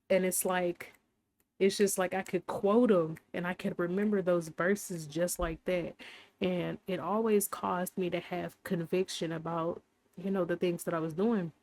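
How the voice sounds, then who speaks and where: A woman's voice: on the low side, darkish tone. A young woman hosting a casual faith talk, rambling and heartfelt, with many fillers. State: briefly emotional. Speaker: podcast host.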